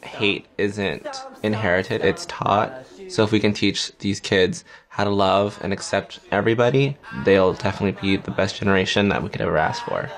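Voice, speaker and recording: A man's voice: lowish voice, steady tone, normal speed. A man giving reflective answers in an interview.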